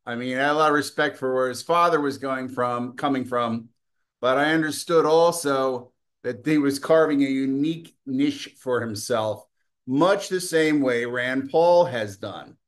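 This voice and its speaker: A middle-aged man hosts a political commentary show, giving a combative, scornful, profane opinion monologue with the odd cough. His voice sits in the mid range and moves at a measured pace.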